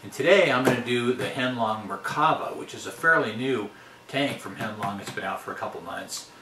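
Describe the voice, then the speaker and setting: A man hosting a hobby channel, casually unboxing a model tank in a relaxed, rambling way with lots of fillers. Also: medium pitch, brisk. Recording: echoey room with background noise.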